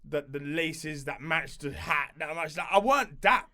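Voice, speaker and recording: A man's voice: a little high, normal speed, sharp tone. A man with a London roadman accent, a guest chatting and bantering casually in street slang. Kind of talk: casual chat show banter.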